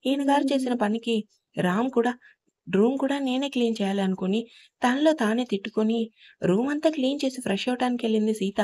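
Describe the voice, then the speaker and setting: A woman storyteller giving a steady scripted narration of an audio story. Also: a little high, fairly quick.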